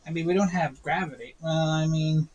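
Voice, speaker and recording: A gamer giving quick, puzzled let's-play commentary, musing aloud while playing. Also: mid-range voice, muffled recording. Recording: commentary over loud game noise.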